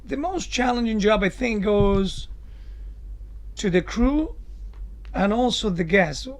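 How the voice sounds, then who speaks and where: A man answering interview questions as a cruise director, explaining things emphatically in deliberate phrases. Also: high-pitched, lively intonation.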